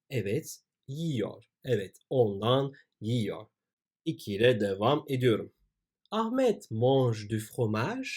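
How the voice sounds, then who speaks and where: Guy teaching french grammar, reads examples out slow, voice goes up and down a lot. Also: medium pitch, darkish tone. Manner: reads French examples slowly, then explains them. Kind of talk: grammar lesson with worked exercises.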